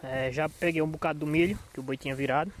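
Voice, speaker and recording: A small farmer from Northeastern Brazil vlogs casually from an open cornfield, holding the camera himself. His voice is slightly hoarse and higher-pitched, with fairly even intonation and a quick pace, and he's folksy, repeating himself and checking in often. The handheld outdoor recording is noisy.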